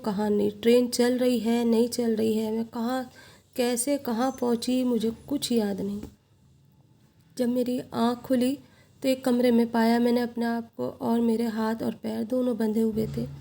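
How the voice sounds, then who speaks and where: A woman tells a confessional story in the first person, her fairly high voice soft and mellow. She keeps a somber, steady recounting manner throughout.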